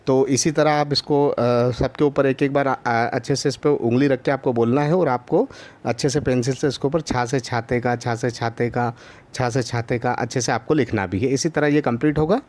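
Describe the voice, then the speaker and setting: A man teaching a Hindi lesson online to young children, patiently repeating each syllable, with many drawn-out filler pauses. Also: medium pitch, steady tone, a little mellow. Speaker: primary school teacher.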